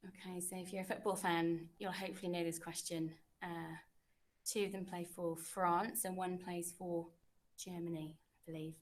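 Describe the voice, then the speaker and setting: A woman's voice: lowish voice, level tone, moderate pace. A young woman, a French teacher, running a classroom quiz with pupils in an encouraging, chatty way.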